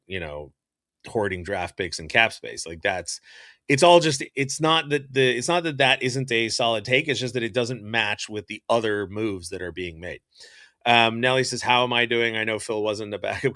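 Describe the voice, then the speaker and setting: Guy ranting about his hockey team on a stream, lowish voice, bright and punchy, dry close mic. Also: dry recording. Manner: opinionated, animated, thinks aloud with fillers and restarts. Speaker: hockey podcast host. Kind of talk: casual live-stream commentary answering chat.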